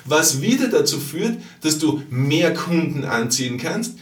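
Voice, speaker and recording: A man delivers a motivational business monologue, hammering points home with repetition and questions to the listener. His voice sits slightly high and moves in lively leaps. He sounds a little distant from the mic, in a room with noticeable echo. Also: unhurried. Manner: emphatic, repetitive, rhetorical questions addressed to the listener. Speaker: podcast host and business coach.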